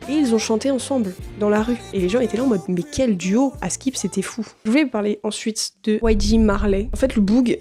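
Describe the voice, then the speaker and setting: A woman's voice: mid-range voice, warm tone. A young adult woman chatting casually about songs she likes as a music vlogger, slangy and talkative, often turning to her viewers. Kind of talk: casual chat.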